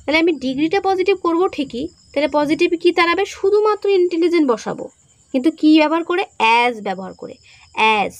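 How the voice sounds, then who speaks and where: A woman teacher with a Bengali accent explains English grammar step by step for an exam, reading the English sentences slowly and often checking whether her students understood. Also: sits high, no room sound. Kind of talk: exam-focused grammar lesson.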